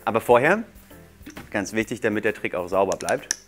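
This guest magician, a man in his thirties, speaks at a normal speed with a lowish voice and lively intonation, faint music audible behind him. He casually and playfully walks children through his tricks on a small indoor TV studio set with furnishings.

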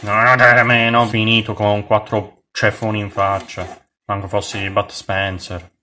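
A man's voice: on the low side, flat delivery, a little slow, bright, forceful tone. A man doing let's-play commentary, joking and exclaiming as he talks back to the characters on screen. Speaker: gaming channel host. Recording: noisy home recording.

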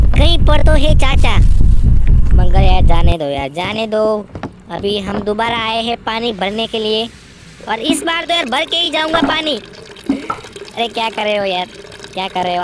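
A man's voice: very high voice, heavily acted. A man voicing a boastful, bossy young man who brags and orders others around, as gaming commentary in character. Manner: bragging, impatient, bossing others around. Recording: noisy background.

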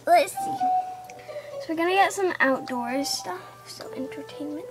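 A woman's voice: high-pitched, unhurried. A young girl chatting casually over her life-sim gameplay, rambling with lots of fillers, music playing under her voice. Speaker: gameplay narrator. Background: background music.

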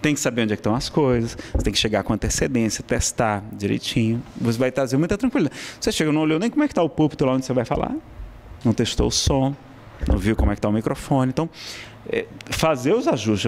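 A man's voice: mid-range voice, darkish tone, a little hiss or hum. A man with a Brazilian Portuguese accent teaching a public speaking class in a lecture hall, in a conversational style full of tag questions and self-corrections.

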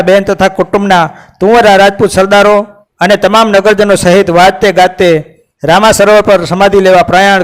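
High-voiced man narrating a devotional tale. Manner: measured, unhurried retelling with quoted dialogue. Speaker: storyteller.

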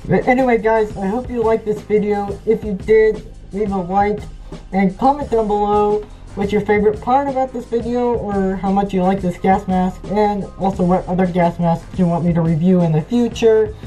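A woman's voice: medium pitch, normal speed, mellow, faint music behind, poor audio. Woman talking through a gas mask. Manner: enthusiastic, chatty. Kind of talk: casual product review vlog.

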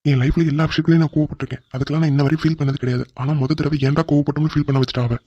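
A man's voice: a little high, little pitch movement, racing, dark tone, no room sound, lightly acted. A man voicing a hot-tempered, newly married young boss in a cartoon drama, snapping out his lines. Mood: angry. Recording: dull lo-fi recording.

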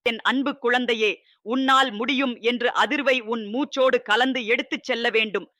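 A man voicing a loving fatherly god who speaks to his child in a scripted devotional address, solemn and tender, with steady repetitive reassurances. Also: very high-pitched, normal speed, no room sound, studio quality.

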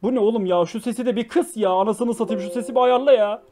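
A young man streaming live, reacting to clips with loud exclamations, mock scolding and swearing. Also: extremely high pitch, fast, loud music behind the voice.

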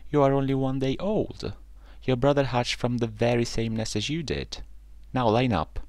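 A man's voice: low-pitched, expressive, normal speed, no room sound. A man doing a stern, caring mama duck. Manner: raised, scolding tone.

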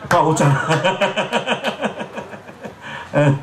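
Very slowly and with lively intonation, this high-voiced Jeolla man in his forties trades comic banter with a festival crowd. He's a pumba street performer, chatty and teasing, his throat slightly scratchy, and the outdoor PA gives an echo.

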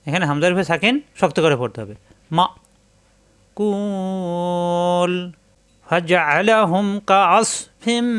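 Male Quran teacher, Bangladeshi Bengali accent, slightly high voice, patient, repeats every syllable. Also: a bit bright. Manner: patient, repetitive drilling of syllables. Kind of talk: step-by-step Quran reading lesson.

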